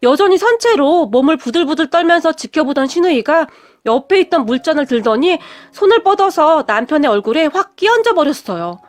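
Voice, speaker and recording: A woman's voice: high-pitched, very animated, a little fast, no room sound. A woman narrating her own family story in a polite, scripted radio-story style.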